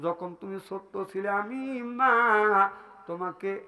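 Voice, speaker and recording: A man voicing a frail, bedridden old mother who weeps softly as she speaks, in a sung sermon. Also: high voice, slow, soft background music, full character voice. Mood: tearful, tender. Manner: soft, tearful, pleading.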